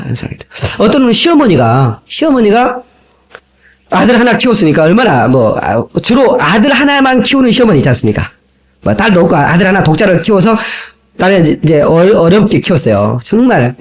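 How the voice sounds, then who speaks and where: Man, pastor, sermon, fairly high voice, very lively pitch, acts out voices, old cassette tape. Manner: animated, acts out quoted voices.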